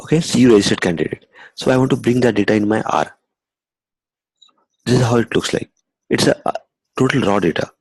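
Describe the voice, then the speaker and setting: A man's voice: mid-range voice, fairly quick, long pauses, darkish tone, husky, no echo, low-quality recording. A young man teaching a screen-recorded coding lesson, talking conversationally, adding "okay" often and restarting phrases. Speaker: instructor.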